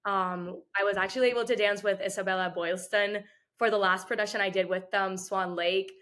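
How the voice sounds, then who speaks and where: A woman's voice: mid-range voice, fairly even intonation, a little fast. A woman in her twenties from Puerto Rico, a dancer answering interview questions in a chatty way, with frequent "like" fillers. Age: 20s. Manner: chatty, many "like" fillers, soft-spoken. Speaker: guest, dancer.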